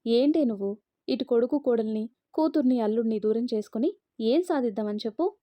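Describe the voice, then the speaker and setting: A woman's voice: a little high, brisk, no echo, lo-fi sound, natural voice. A woman voicing a stern middle-aged mother who harshly lectures her grown daughter.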